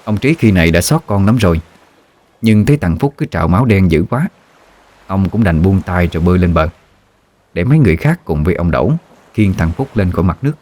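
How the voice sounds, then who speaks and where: A man narrating a ghost story in a measured storytelling voice. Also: low-pitched, expressive, darkish tone.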